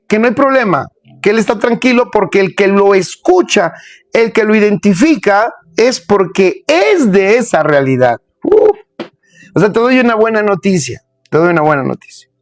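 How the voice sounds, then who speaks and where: A man's voice: high voice, expressive, a little slow, no echo. A man preaching a sermon, emphatic and repetitive, speaking straight to his listeners.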